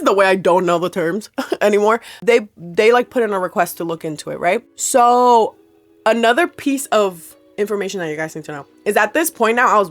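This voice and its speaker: Young woman vlogger, casual storytime chat, animated delivery with lots of swearing and laughter, faint music under it. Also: lowish voice. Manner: animated, swearing, laughing often, quotes people in voices.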